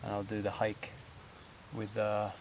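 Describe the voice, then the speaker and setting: A man's voice: lowish voice, monotone, unhurried, slight background noise. Breathless man vlogging on a hiking trail. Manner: rambling, loose, with frequent fillers and laughs. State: out of breath from climbing. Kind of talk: casual talk to camera while hiking. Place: outdoors on a hillside trail. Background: buzzing insects.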